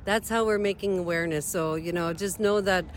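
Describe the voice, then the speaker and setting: This Northern Ontario woman, an advocate, answers an outdoor interview by a street in a brisk, lowish voice with fairly even intonation. She speaks earnestly and plainly from the heart, with frequent fillers, and there is slight background noise.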